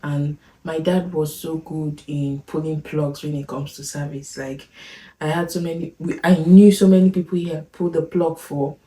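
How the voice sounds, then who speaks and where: This vlogger, a woman in her thirties with a Nigerian accent, keeps things casual on a family vlog and laughs frequently. Her mellow voice sits low, with fairly even intonation at a moderate pace, picked up from afar in an echoey room.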